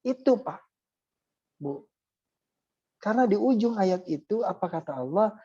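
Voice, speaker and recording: A man giving a casual religious talk as a preacher, lively and chatty, speaking straight to his listeners. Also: high-pitched, a little slow, breathy edge, muffled recording. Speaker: Islamic preacher.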